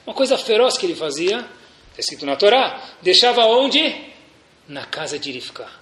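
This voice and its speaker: A man's voice: high voice, moderate pace. A man giving a religious lecture as a rabbi, telling anecdotes and speaking straight to his audience. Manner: animated, anecdotal, addresses audience directly. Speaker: rabbi teaching a Torah class. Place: room with a seated audience. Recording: echoey room.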